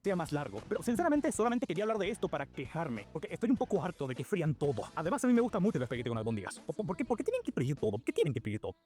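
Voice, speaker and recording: A man's voice: fairly high pitch, wildly swooping pitch, rapid-fire, few pauses, a little mellow. A man with an Argentine accent giving comedic scripted narration in a sarcastic, exasperated ranting manner. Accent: Argentine Spanish. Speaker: video narrator.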